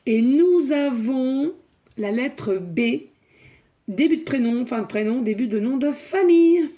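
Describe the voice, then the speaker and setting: A woman doing a spiritual card reading, excitable and thinking out loud as she draws cards. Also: sits high, a little slow. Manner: excitable, thinks aloud, breaks into song. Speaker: tarot card reader.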